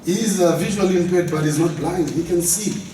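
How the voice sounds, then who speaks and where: A man's voice: high-pitched, a little fast, mellow, soft background music. Man from Botswana in an echoey room. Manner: hesitant, with frequent uh. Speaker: program fellow. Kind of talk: group presentation. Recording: echoey room, distant mic.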